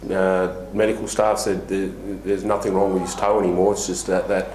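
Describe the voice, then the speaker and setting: A middle-aged man speaks bluntly as a coach at a press table, restarting his sentences often. His voice is low, and the small room gives it a clear echo. A faint hiss sits under the recording. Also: flat delivery, brisk, a little mellow. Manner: frank, blunt, lots of restarts and fillers. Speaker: basketball head coach. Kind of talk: post-match press conference. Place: small press room before a sponsor backdrop. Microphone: table mic on a stand.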